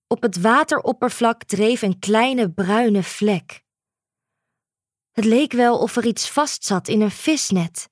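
A woman reading a children's storybook aloud at an unhurried, careful pace. Her voice sits fairly high, and the sound is close and dry with no room around it. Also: no echo. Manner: calm, measured storytelling. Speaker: narrator.

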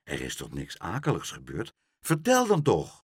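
A man's voice: sits low, wildly swooping pitch, moderate pace, breathy edge, no echo, clean studio sound, pitched below the performer's own voice, exaggerated voice. A man voicing the eager, chattering smallest child of a big family in a children's storybook reading.

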